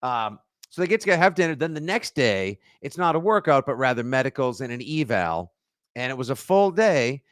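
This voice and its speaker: A man co-hosting a casual sports podcast, animated and jokey, now and then slipping into silly voices. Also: medium pitch, normal speed, no echo, clean studio sound. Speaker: podcast co-host.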